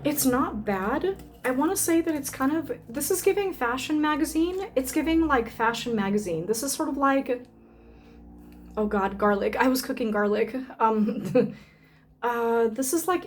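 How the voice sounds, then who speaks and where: A woman's voice: sits high, lively intonation, a little slow, a little hiss or hum. A woman burlesque performer chatting casually on her vlog, thinking aloud with lots of fillers and the odd swear word. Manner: rambling, many fillers, swears freely, thinks aloud while sniffing samples. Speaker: burlesque performer reviewing perfume samples. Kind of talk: casual unscripted vlog chat.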